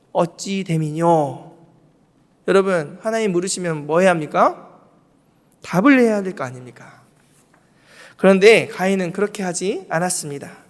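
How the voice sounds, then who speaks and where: A high-voiced man preaches in a church sanctuary, his words trailing off into long reverb. As a pastor giving a sermon, he asks his congregation questions and supplies the answers himself.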